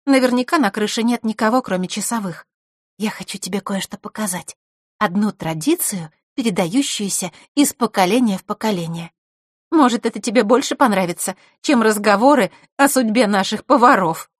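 A woman's voice: medium pitch, normal speed, dry recording, studio quality, voice pushed up, close to an everyday voice. A woman voicing a proud, hot-tempered girl from a family of timekeepers, talking sharply and bossily. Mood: lively. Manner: sharp, bossy, snorting retorts.

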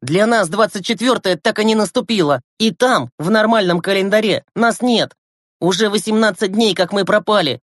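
Male reader as a forceful, impatient teen boy in a storybook, dry close recording. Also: high voice, normal speed, dry recording, pitched above the performer's own voice. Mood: urgent. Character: brash, impatient teenage boy leader.

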